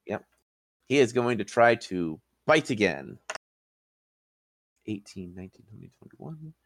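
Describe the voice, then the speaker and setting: A man narrating a tabletop game as game master, in a relaxed, measured way. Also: lowish voice, no echo, clean studio sound.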